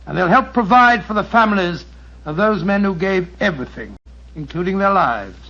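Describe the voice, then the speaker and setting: A genial, bluff middle-aged doctor on old-time radio, chatty and a little hesitant. His voice sits high and rings bright. The sound is dull and lo-fi, like a 1940s broadcast. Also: lively intonation, moderate pace, exaggerated voice. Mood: earnest. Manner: hesitant, chatty, then earnest and appealing. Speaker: storyteller giving a closing appeal.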